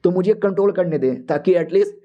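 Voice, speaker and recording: A man voicing a bossy, arrogant female spirit living in a sword, scolding in rough street slang. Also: high voice, brisk, highs cut off, lightly acted.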